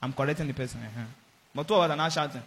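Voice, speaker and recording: A man preaching a sermon, acting out dialogues with animated, raised voices. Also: medium pitch, rapid-fire. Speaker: pastor.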